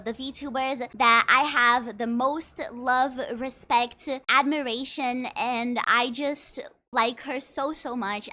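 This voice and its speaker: A commentary YouTuber, a woman with a slightly high, sharp voice, makes a video in a casual, earnest way. Her voice shakes with emotion, and she often repeats her words.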